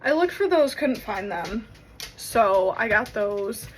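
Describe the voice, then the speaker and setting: A young woman vlogs casually to her phone camera in a mid-range, animated voice, speaking slowly and rambling chattily with lots of fillers. The recording is noisy, with vehicles audible in the background.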